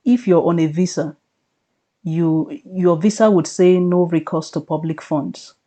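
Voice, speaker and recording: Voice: medium pitch, fairly even intonation, unhurried, mellow. An adult speaker giving casual, reassuring advice, explaining things step by step in a conversational way. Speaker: vlogger advising on living and studying in the UK.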